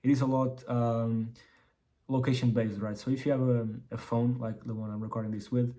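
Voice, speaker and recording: An entrepreneur vlogger with a mellow, medium-pitched voice gives a casual business update at a moderate pace and level tone. His braces slightly impede his articulation, and he rambles, repeating and restarting words.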